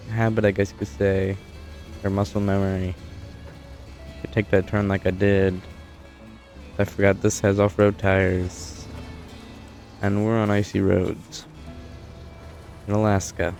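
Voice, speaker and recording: A young American gameplay streamer gives casual, rambling let's-play commentary while driving in a truck game, full of dry asides and frequent self-corrections. His lowish voice is flat, measured, pausing often and a little mellow, with faint music behind.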